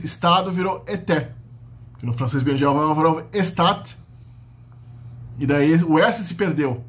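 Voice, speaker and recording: Brazilian man, slightly high voice, casual explanatory lecturer. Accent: Brazilian Portuguese. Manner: explanatory, frequent "né?" tags and restarts. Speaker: linguistics teacher. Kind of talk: unscripted lecture.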